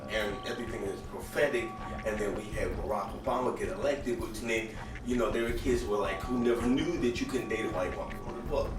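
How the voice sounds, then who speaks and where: Man from the US, lowish voice, earnest; roomy and off-mic with music playing. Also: brisk. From United States. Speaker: commentator in an interview. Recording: echoey, distant, music behind.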